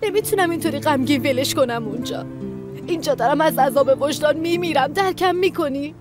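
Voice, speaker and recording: A woman's voice: high-pitched, over music, close to an everyday voice. A woman playing an anguished pleading mother. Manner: pleading, emotional. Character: anguished mother longing for her young son. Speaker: dub actress. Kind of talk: dubbed TV drama.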